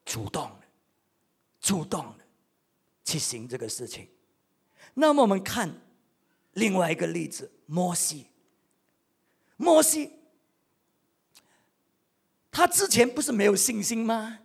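A male pastor preaching a sermon with animated delivery, swinging between loud outbursts and quiet asides and repeating words for emphasis. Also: high voice, slow pace, creaky, pauses often, slightly rough.

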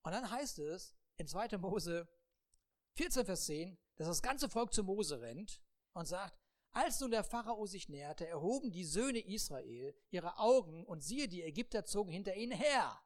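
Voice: mid-range voice, sing-song, moderate pace. A preacher giving a humorous sermon, acting out the people in the Bible story and laughing often. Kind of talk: sermon with acted-out Bible scenes.

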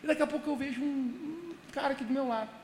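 A man's voice: extremely high pitch, quick pace, a little mellow. A young man, preaching a sermon as a chatty story and often addressing the congregation directly. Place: church service in a large hall. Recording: echoey hall, faint background hiss.

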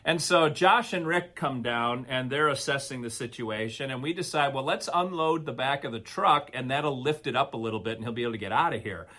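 A man co-hosting a podcast, telling a long story in a casual, animated, rambling way. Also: mid-range voice, a little fast, hardly any pauses. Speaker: podcast co-host.

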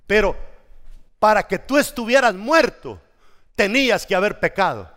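A man's voice: high voice, big pitch swings, normal speed, a bit bright, voice pushed up. A man voicing a defiant male devil who challenges Jesus, in a raised, confrontational preaching voice. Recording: echoey church hall.

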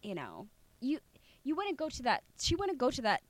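A woman guest in casual podcast chat, animated and slipping into mocking voices. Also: sits high, moderate pace, no echo.

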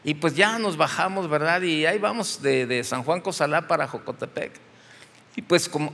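A man with a Mexican accent, a pastor preaching a sermon in a relaxed, joking, storytelling way. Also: high-pitched, in a large hall. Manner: conversational, joking storytelling from the pulpit.

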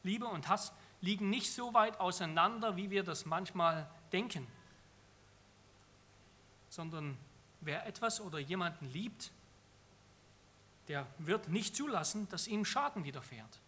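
A man's voice: high voice, expressive, a little slow, long pauses, pushed and bright, slight background noise. A man preaching an earnest sermon on a psalm, emphatic and often repeating phrases for stress.

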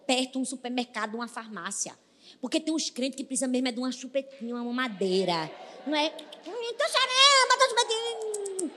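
A Brazilian woman preaches with a high, ringing voice, calling out to her congregation. She drops to hushed tones, then climbs to fervent shouts. Her words trail off in the long reverb of a church hall. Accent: Brazilian Portuguese. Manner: emphatic, calls on the congregation, swings between hushed and shouting. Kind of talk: sermon.

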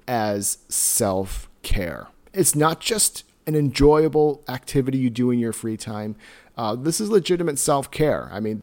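A man's voice: mid-range voice, a little mellow. A middle-aged man talking casually and earnestly as a solo podcast host, in an encouraging way. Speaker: podcast host and tango teacher.

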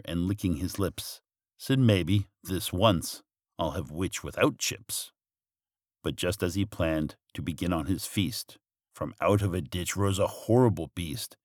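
A man reading a rhyming bedtime story in a gentle, rhythmic way. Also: on the low side, no echo, clean studio sound.

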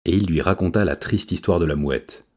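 A man reading a story aloud in a steady, measured way. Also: deep voice. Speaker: narrator.

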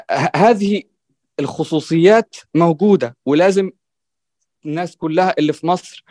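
A guest musician with an Egyptian Arabic accent talks fast on a panel, his voice slightly raised, on the high side, and darkish in tone. He hesitates and restarts a lot with fillers, then urges his point earnestly, repeatedly asking "right?", in a dry, close-miked recording with no echo.

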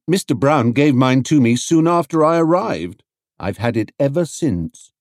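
Small storybook bear, voiced by a man: polite, earnest, plaintive, lively pitch, dry close sound. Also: a little slow, dry recording. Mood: sad, earnest.

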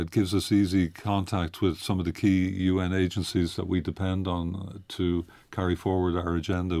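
A man with a deep, low voice who speaks as an interview guest. His answers are hesitant, full of fillers and restarts. The recording is close and dry, in a studio. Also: darkish tone, no echo. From Ireland. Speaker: guest, head of communications. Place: radio studio.

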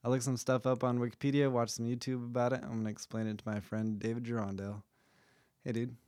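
A man's voice: mid-range voice, level tone, a little mellow, no room sound, studio quality. Laid-back young man hosting a podcast. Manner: laid-back, joking, quick asides. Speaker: podcast host. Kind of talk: casual explainer chat.

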